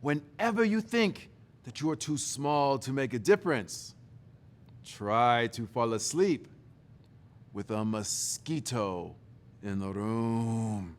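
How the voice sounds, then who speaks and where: A man voicing his stern African father, talking slowly and commandingly. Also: mid-range voice, animated. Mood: grave. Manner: commanding, drawn-out proverb-giving.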